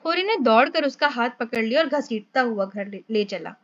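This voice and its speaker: A woman narrating a novel as an audiobook in a steady storytelling manner. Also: a little high, moderate pace, dry recording. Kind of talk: novel reading. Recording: dull lo-fi, dry.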